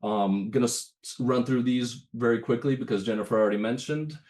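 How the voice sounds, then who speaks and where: A man's voice: medium pitch, brisk, a little mellow. A man in his thirties from Ukraine, giving a casual webinar talk over a video call while getting over a cold, with many fillers and restarts. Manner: conversational, with frequent fillers and restarts. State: has a cold, itchy throat. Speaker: presenter at a bar webinar.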